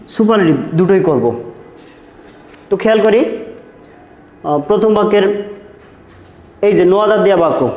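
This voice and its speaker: High-voiced teacher man in an echoey room. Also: a little mellow. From Bangladesh. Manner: repetitive, step-by-step, asks and answers own questions. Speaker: school English teacher. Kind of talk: recorded classroom lesson explaining grammar.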